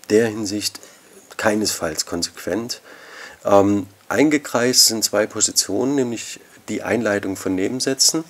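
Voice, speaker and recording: Low, gravelly-voiced male lecturer. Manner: measured academic explanation, addressing students formally. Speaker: university lecturer. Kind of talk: recorded lecture podcast.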